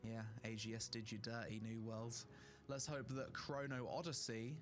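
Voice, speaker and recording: A young gaming streamer speaks at a moderate pace in a medium, slightly bright voice with a steady tone. He offers casual, opinionated tier-list rankings of online games, full of fillers, his throat strained from all the talking.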